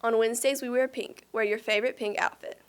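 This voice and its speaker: A woman's voice: fairly high pitch, steady tone, fast talker, clean tone. A teenage girl co-anchoring a student news show, reading announcements cheerfully. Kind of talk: scripted school news reading.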